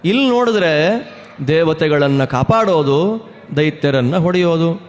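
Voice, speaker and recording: A man's voice: a little high, expressive, unhurried. A man from Karnataka giving a devotional discourse, telling scripture stories with rhetorical questions and chanted Sanskrit verses. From Karnataka, India. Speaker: religious discourse speaker. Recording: reverberant hall.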